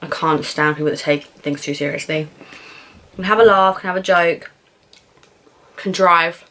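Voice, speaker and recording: A young British woman in a casual Q&A vlog, chatting informally and frankly while eating, thinking aloud with pauses. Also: lowish voice, steady tone, a bit bright. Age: young adult. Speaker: vlogger answering viewer questions.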